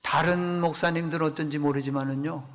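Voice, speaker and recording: A man's voice: on the high side, fairly even intonation, brisk, a bit bright. A male pastor preaching a sermon, telling the story with animation and asking his congregation questions. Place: church sanctuary. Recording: long reverb in church hall.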